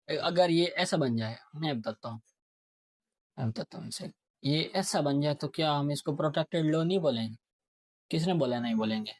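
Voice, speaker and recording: A man's voice: a little high, no echo. A man, teaching a casual lesson on reading charts, often asking a question and answering it himself. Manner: explains while marking a chart. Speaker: trading teacher.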